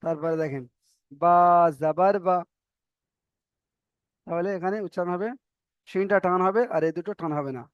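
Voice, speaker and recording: A man teaching a recorded class on reading the Quran, spelling out letters one by one and stretching vowel sounds slowly, patient and repetitive as he checks that students follow. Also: high-pitched, no echo, dull audio. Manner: patient, repeats each example and checks understanding.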